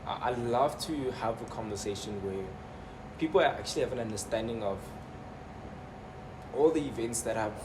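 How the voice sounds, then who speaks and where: A man's voice: medium pitch, normal speed, long pauses. A man hosting a casual interview, chatty and laughing easily. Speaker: interview host. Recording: noisy room ambience.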